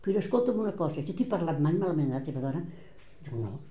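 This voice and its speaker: A woman's voice: low-pitched, lively intonation, fast, warm tone, echoey room. An older woman with a Catalan accent tells family stories aloud and acts out the voices of the people she quotes. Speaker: relative recounting family history. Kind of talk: oral family storytelling.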